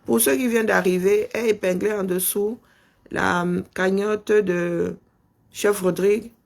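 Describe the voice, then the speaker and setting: Insistent high gravelly Cameroonian man. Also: steady tone, a little slow. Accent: Cameroonian French. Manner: insistent, rhetorical questions, dictates punctuation aloud. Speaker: live stream host. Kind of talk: political live-stream commentary.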